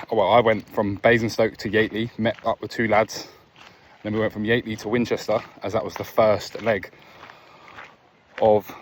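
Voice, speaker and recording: A vlogger with a lowish voice walks outdoors in the evening, sharing earnest, reflective stories in a casual motivational talk with restarts. Faint outdoor ambience and a dog are audible, along with slight background noise.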